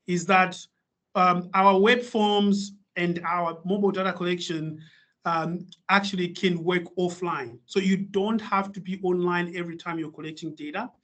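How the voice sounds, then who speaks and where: A man's voice: high voice, steady tone, moderate pace, fairly bright tone. A man from Malawi presenting as a guest speaker in an online webinar, explaining things with many fillers and restarts over a video call.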